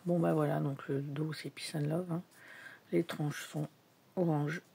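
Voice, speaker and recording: A woman's voice: low voice, fairly even intonation, unhurried, gravelly, mellow, husky. A woman in a casual vlog, showing her tarot decks in a chatty, hesitant way with many fillers, sometimes dropping to a whisper. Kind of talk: casual show-and-tell vlog.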